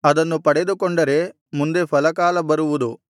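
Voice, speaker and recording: A man giving a measured, solemn scripted reading of scripture. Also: a little high, steady tone, dry recording, clean studio sound. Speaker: scripture reader.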